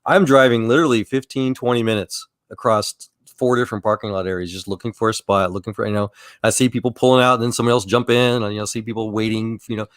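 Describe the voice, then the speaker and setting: A man's voice: lowish voice, fairly even intonation, fast, no echo. A man chatting casually about faith, telling rambling personal stories with many restarts and chuckles. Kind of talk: casual chat.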